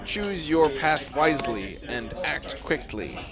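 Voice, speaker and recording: A man's voice: medium pitch, lively intonation, slow, crowd noise, low-quality recording. A man voicing a wrathful, solemn guardian spirit of a chapel, speaking in grave, formal, unearthly pronouncements for a tabletop game. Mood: stern, menacing.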